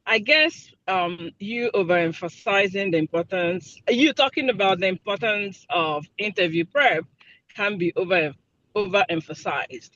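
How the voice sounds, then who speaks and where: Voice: medium pitch, lively intonation, measured pace, pushed and bright. An attendee calling in from a moving car, asking a question hesitantly and searching for words. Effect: phone call from a moving car. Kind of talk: Q&A question on a video call. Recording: dull lo-fi car speakerphone.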